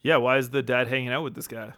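A man joining a podcast as a guest, his voice at an ordinary middle pitch. He hedges and circles around his points, filling the gaps with fillers as he thinks aloud. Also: steady tone, fast talker, pushed and bright. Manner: hesitant, many fillers. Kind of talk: casual chat about a movie.

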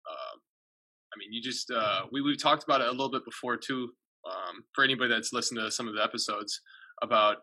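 A man co-hosting a podcast, speaking in an appreciative, halting way with many fillers. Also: medium pitch, sharp tone. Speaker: podcast co-host. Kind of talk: podcast conversation.

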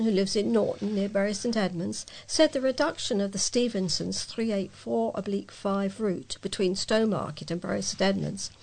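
A woman reading local news stories aloud in a plain, even delivery as a volunteer reader. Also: mid-range voice, vocal fry.

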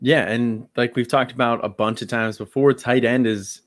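A man's voice: medium pitch, steady tone, moderate pace, no room sound, studio quality. A man co-hosting a podcast in a casual sports analysis chat, talking in a hesitant way with lots of fillers. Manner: hesitant, leans heavily on "you know" and "um". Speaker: podcast co-host.

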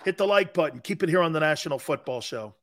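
A man's voice: a little high, lively intonation, quick pace, faint music behind. A man from Connecticut hosting a sports talk show, talking bluntly and directly to his viewers in a casual way. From Connecticut, USA.

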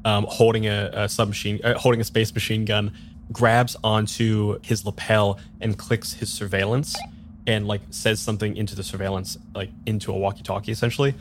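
A man's voice: fairly low pitch, little pitch movement, fairly quick, slight background noise. A man narrating as game master, describing scenes in a loose, filler-heavy way.

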